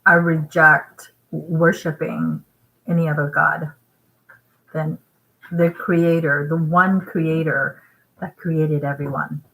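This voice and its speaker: Low-voiced woman vlogger from Vietnam. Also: little pitch movement, slow pace, a bit bright, low-quality recording. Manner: rambling, emphatic, with frequent "right?" asides; eating while talking. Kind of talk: casual talking-head vlog.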